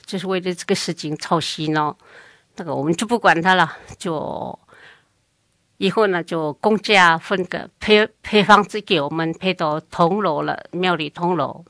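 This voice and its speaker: A woman's voice: fairly low pitch, normal speed, dry recording. An older woman recounting her family's past in a long oral history interview, acting out what others said. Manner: lively, acts out other people's speech.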